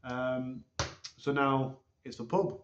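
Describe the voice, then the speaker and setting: Hesitant man on a low-quality phone recording. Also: flat delivery, takes it slowly, a little hiss or hum. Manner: hesitant, rambling, many ums. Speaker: channel host. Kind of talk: casual update to viewers. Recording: dull, roomy phone recording.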